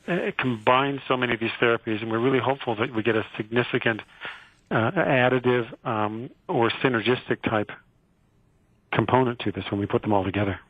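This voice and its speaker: A man, a physician guest on a radio show, explaining a treatment in a relaxed way with many fillers and restarts. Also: mid-range voice, fairly quick, dry recording. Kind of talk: casual explanatory interview. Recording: tinny phone line.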